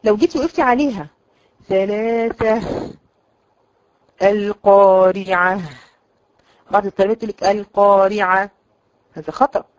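A woman's voice: on the high side, a little mellow, no room sound, rough recording. Egyptian woman teaching recitation, dry sound. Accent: Egyptian Arabic. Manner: explanatory, repeats words slowly to demonstrate; addresses students directly, frequent "khalas?" checks. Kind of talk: recorded online lesson.

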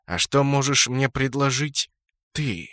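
A man voicing a calm, menacing male dark elf god who speaks slowly and coldly. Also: medium pitch, no echo, voice pushed up. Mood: cold, commanding. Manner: slow, cold and commanding.

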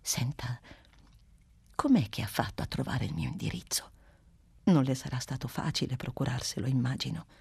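A reader voicing a hushed, weary old schoolteacher woman. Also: extremely low pitch, moderate pace, gravelly, breathy edge, no echo, voice pushed down, heavily acted. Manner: hushed, half-whispered confiding. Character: aging woman schoolteacher, weary, confiding, wry. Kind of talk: literary reading of dialogue.

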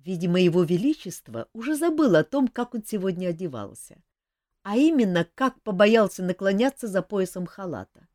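A woman narrating an audiobook with an expressive, wry storytelling manner. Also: mid-range voice, moderate pace, no room sound, clean studio sound.

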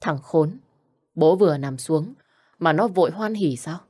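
A woman's voice: deep voice, lively intonation, a little slow, a little mellow, breathy edge, exaggerated voice. Woman reading a bitter, vengeful young man. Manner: bitter, vowing revenge.

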